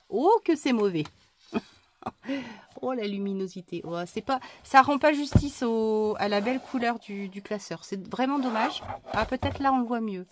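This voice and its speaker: A woman talking casually through a crafting haul, chatty and hesitant with many fillers and restarts, often dropping into soft asides. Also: medium pitch, a little hiss or hum. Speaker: crafting vlogger.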